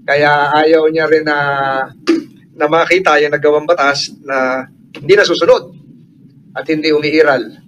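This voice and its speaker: A man chairs a formal hearing, asking courteous questions with small halts between phrases. His voice is somewhat high. A faint background hum sits behind him. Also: steady tone, highs cut off. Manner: polite, formal, halting with fillers.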